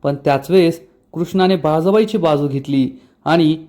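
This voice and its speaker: A man's voice: moderate pace, dark tone. A man narrating a TV serial episode recap in a scripted storytelling manner. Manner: retells scenes, voicing characters' lines with raised pitch. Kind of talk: scripted narration with acted quotes.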